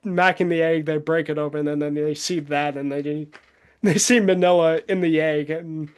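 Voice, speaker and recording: Man, casual chat, rambling, smooth clear voice, slightly high. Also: fairly even intonation, normal speed. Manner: rambling, laughs often, many fillers. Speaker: co-host.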